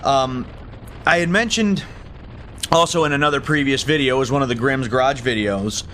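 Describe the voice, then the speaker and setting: Halting male motovlogger talking inside a helmet. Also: medium pitch, a bit bright, a little hiss or hum. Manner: halting, thinks aloud with repeated false starts. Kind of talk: casual rambling vlog talk. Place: inside a motorcycle helmet while riding.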